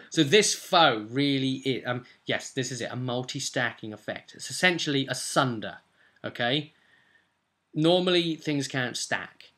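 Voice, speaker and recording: This is a young adult man, medium in pitch and sharp in tone, chatting as a game master about a tabletop RPG session. He emphasizes important words conversationally while sitting indoors in a cramped, cluttered home room.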